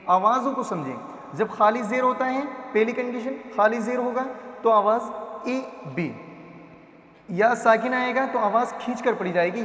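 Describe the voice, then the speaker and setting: A man with a high-pitched voice leads a patient reading lesson, drawing out each letter sound as he demonstrates it. He stops often to check that his students follow. His voice rings through a roomy space with a long echo. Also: fairly bright tone. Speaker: teacher. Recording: echoey room with long reverb.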